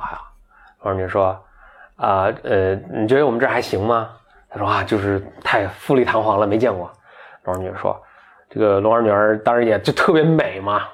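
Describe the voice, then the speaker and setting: A man casually retelling a folk tale to a friend, lightly voicing the characters and laughing along. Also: mid-range voice. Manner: chatty, voices the characters lightly, laughs at the story. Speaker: storyteller.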